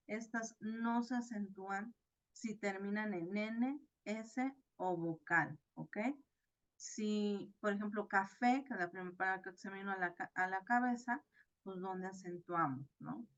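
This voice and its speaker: Slow-spoken woman teaching an online class. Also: medium pitch, fairly bright tone, lo-fi sound. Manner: explains slowly, checks in often with "¿ok?" and "¿no?". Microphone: video call.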